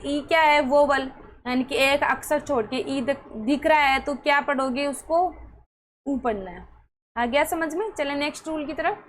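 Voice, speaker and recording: A woman's voice: high voice, fairly bright tone, rough recording. A woman teaching English pronunciation rules, who keeps asking her students questions and then answers them herself. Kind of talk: explaining spelling rules to students.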